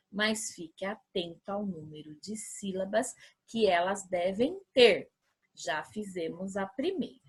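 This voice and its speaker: A woman's voice: medium pitch, a bit bright, slightly rough. A Brazilian woman teaching a remote lesson to young children. She is patient and encouraging, sounds words out syllable by syllable, and keeps checking that the children are following. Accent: Brazilian Portuguese. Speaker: primary school teacher.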